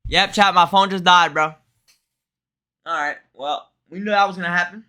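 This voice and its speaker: A man livestreaming a casual reaction, talking in street slang with excitable, profane exclamations. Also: high-pitched, moderate pace, clear, resonant tone. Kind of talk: casual live reaction commentary.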